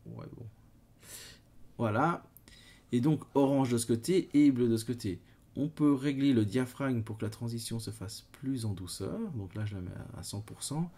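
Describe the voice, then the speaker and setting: A Swiss man with a Swiss French accent teaches photo retouching in a screen-recorded software tutorial, talking while he works. His medium-pitched voice is warm and slightly rough at a moderate pace, and he sounds hesitant, with many fillers, as he explains each step.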